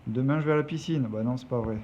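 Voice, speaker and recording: Speaking quickly in a warm, mid-range voice, this male English teacher explains his lesson one step at a time and stops now and then to check his students keep up. There's faint background noise on a dull, lo-fi recording.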